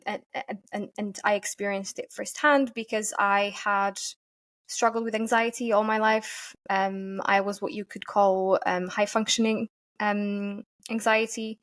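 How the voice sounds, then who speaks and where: A woman from Portugal, a yoga teacher giving earnest, thoughtful interview answers and often pausing to find her words. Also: mid-range voice, a bit bright. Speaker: podcast guest, yoga teacher.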